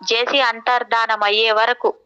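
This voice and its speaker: A woman narrating a novel in the first person, with measured, reflective and poetic phrasing. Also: a little high, little pitch movement, pushed and bright, clear, resonant tone, lo-fi sound. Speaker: audiobook narrator.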